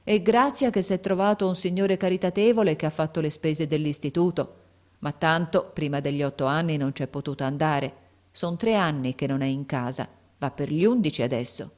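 A woman's voice: low voice, normal speed, natural voice. A woman reading a story aloud, voicing an emotional, anxious father, a gardener who keeps exclaiming. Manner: emotional, exclaiming, rising to near shouts. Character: anxious, overjoyed working-class father, a gardener.

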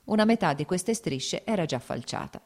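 Woman, lowish voice, audiobook narration, steady, measured. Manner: steady, measured literary reading. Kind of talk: scripted audiobook narration of a classic novel.

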